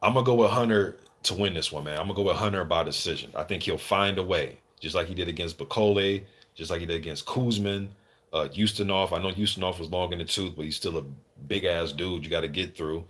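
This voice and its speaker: A man with a deep voice talks quickly and sounds a bit bright. He hosts a live boxing commentary stream, chatting casually with viewers in slangy, informal language with some swearing.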